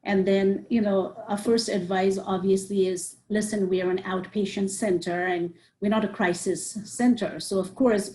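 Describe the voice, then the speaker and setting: This psychiatrist guest from Nepal has a warm, medium-pitched voice, and she earnestly answers interview questions while listing points peppered with "you know." The audio is poor, carrying a slight hiss or hum.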